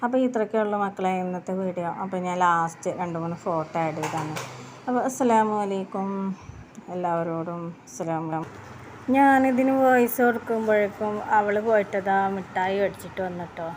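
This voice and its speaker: Talking quickly with hardly any pauses, this woman has a mid-range, darkish voice. She runs a small tea shop and chats wearily, almost plaintively, to subscribers about managing it alongside her kids, with traffic noise behind her.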